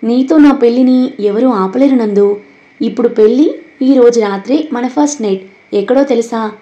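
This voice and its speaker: A man's voice: extremely high pitch, normal speed, warm tone, dull audio. A woman voicing a scheming, possessive young man who plays the villain in a storybook drama, menacing in tone.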